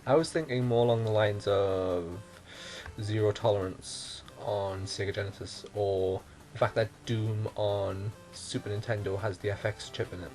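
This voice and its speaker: Low-voiced rambling man, faint music. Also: fairly even intonation, moderate pace, a little mellow. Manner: rambling, thinks aloud and corrects himself. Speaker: podcast co-host. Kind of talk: casual podcast chat.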